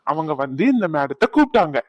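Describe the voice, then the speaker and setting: A man's voice: on the high side, animated, fast talker, dull audio. A man voicing a playful young man in a cartoon who keeps mocking and teasing his friends. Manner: mocking, teasing, laughs often. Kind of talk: cartoon voice acting.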